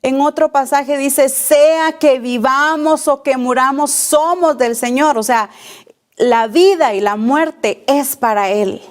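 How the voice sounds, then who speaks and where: A woman preaching a sermon at a church service, repeating key phrases and asking the congregation rhetorical questions. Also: high-pitched. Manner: slow, deliberate delivery, repeating key phrases.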